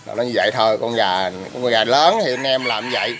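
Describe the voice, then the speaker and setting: A man vlogging about raising chickens, talking in a rough, blunt way, ranting at critics and then explaining plainly. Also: mid-range voice, fairly quick, music in the background. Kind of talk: casual vlog talk.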